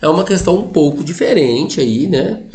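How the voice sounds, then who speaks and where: A man's voice: on the high side, moderate pace, a little hiss or hum. A Brazilian man teaching a Portuguese grammar lesson for exam prep, explaining step by step and joking with his students. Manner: explanatory, lively, jokes with students, frequent "tá?" and "ó".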